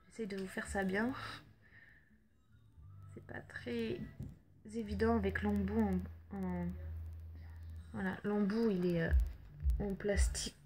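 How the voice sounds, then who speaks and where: Slow, hesitant French woman vlogger. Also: medium pitch, darkish tone, slight background noise. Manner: hesitant, many fillers and restarts, apologetic. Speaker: beauty vlogger. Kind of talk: casual makeup haul chat.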